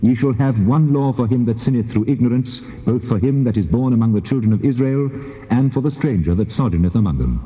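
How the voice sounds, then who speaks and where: An actor playing a stern, commanding God in a solemn, measured scripture dramatization. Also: male voice, medium pitch, dark tone, close to an everyday voice. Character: God, stern commanding Lord giving law to Moses. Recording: muffled, long cavernous reverb.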